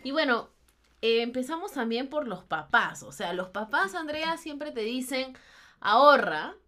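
Slangy Peruvian woman, a bit high. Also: animated, measured pace, fairly bright tone. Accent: Peruvian Spanish. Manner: slangy, joking, swears freely. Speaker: podcast co-host. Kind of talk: casual chat.

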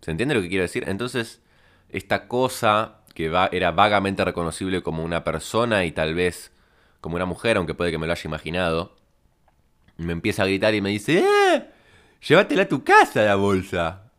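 A man with a Rioplatense Spanish accent telling a rambling comic story in a deadpan way. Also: sits low, fairly quick, smooth. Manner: deadpan, rambling, absurd tangents. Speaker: podcast host.

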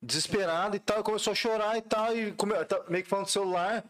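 Fast-talking man, do Sul. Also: high-pitched. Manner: animated storyteller, slangy. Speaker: ride-hailing driver. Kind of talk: casual chat.

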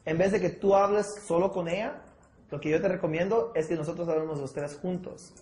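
A man coaching a small group on sales, acting out pitches with a trainee and often dropping English words into his Spanish. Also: steady tone, fairly quick, a little mellow. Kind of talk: sales training talk with role-play. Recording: echoey room.

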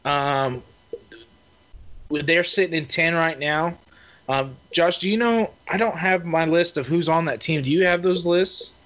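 Relaxed male co-host, higher voice, filler-heavy chat, dull lo-fi recording. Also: a little slow. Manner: relaxed, rambling, many fillers. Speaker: co-host of fishing show. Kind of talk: casual podcast chat. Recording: muffled lo-fi audio.

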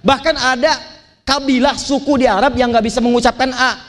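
High-pitched male preacher from Banten, chanting Quran verses amid lively sermon stories. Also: brisk. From Banten, Indonesia. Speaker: Islamic preacher. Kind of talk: sermon to a live audience.

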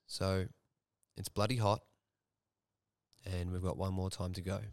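A man's voice: deep voice, little pitch movement, measured pace, no echo, studio quality. A young man, hosting a podcast and telling a personal story frankly, swearing freely. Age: young adult. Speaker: podcast host.

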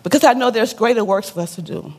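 With a long reverb tail around her, a woman pastor delivers a sermon at a quick pace in a voice on the high side with a breathy edge. She poses questions for the congregation to answer and drives home key points through repetition. When a story turns sad, she drops into a soft hush.

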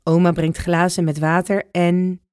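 A woman reading a children's storybook aloud in a clear, even storytelling manner. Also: on the low side, a little slow, dry recording, clean studio sound.

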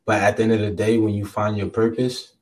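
Podcast guest, male, twenties, from Jersey City: informal, thoughtful, lowish pitch, slightly distant from microphone. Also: flat delivery, a little fast, darkish tone. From Jersey City, USA. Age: 20s. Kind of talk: casual, reflective interview answers.

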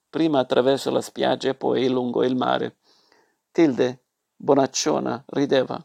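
A man reading a story aloud as its narrator, in a measured, expressive way. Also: medium pitch, gravelly, no room sound, studio quality.

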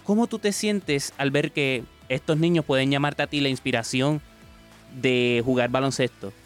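A man's voice: medium pitch, normal speed, soft background music. A man, co-hosting an interview and asking long conversational questions. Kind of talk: casual interview chat.

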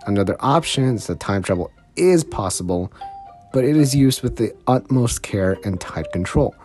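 Deep-voiced man rambling on his podcast. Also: expressive, moderate pace, darkish tone, soft background music. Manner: rambling, self-mocking, stumbles and laughs. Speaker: podcast host. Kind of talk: casual solo podcast talk.

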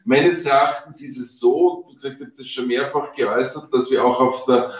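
A man's voice: mid-range voice, steady tone, moderate pace. A man answering as a panel expert, talking loosely with many fillers and repeated phrases. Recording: distant roomy lo-fi mic.

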